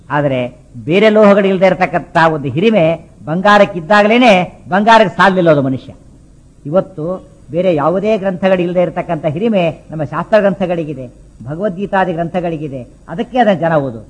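A man giving a spiritual discourse on scripture, repeating his points, asking rhetorical questions and chanting verses slowly. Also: on the high side, poor audio. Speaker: religious speaker.

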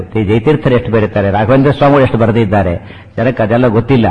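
A man delivering a religious discourse on scripture. He intones verses slowly and deliberately. Then he breaks them down in an easy, conversational way, with rhetorical questions and homely examples. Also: medium pitch, darkish tone, poor audio. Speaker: religious speaker.

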